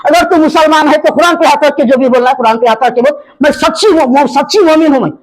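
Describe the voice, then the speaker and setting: A woman's voice: high-pitched, quick pace, rough recording. An older woman with a Hyderabadi Urdu accent, tearfully making an impassioned, repetitive plea to a news reporter. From Hyderabad, India. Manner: emotional, repetitive and pleading. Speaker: complainant speaking to a news reporter. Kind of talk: impassioned pleading statement.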